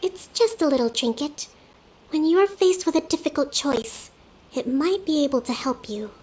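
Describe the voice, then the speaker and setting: Casting: serene, polite game shrine maiden, young leader, soft high tone, caring. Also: female voice, lively intonation, normal speed, rough recording. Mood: serene, gentle. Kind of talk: video game voice acting.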